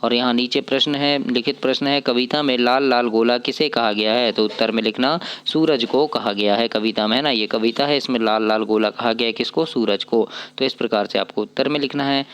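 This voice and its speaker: A male teacher walks through a children's workbook step by step, asking questions and answering them himself, and reading poem lines slowly. His medium-pitched voice is clear, resonant and a bit bright, with a steady tone.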